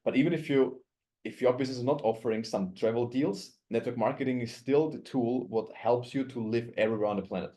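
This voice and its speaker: Austrian-born man coaching in a relaxed voice. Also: mid-range voice, fairly quick. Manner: chatty, repeats and restarts phrases, acts out quoted dialogue. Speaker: network marketing coach. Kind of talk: coaching talk in a group call.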